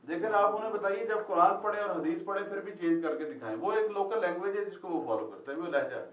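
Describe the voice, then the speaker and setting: Man, teacher, quizzes and repeats answers, slightly high voice, roomy echo, distant dull lo-fi sound. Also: expressive, fast talker. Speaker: Quran Arabic teacher. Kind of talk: classroom lesson with questions to students. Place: classroom. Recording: echoey, distant, dull lo-fi classroom recording.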